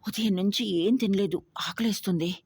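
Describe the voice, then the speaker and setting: A woman's voice: medium pitch, moderate pace, breathy edge, no room sound, clean studio sound. A woman doing a cocky young fugitive man. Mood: cocky, hushed. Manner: hushed, brash and teasing.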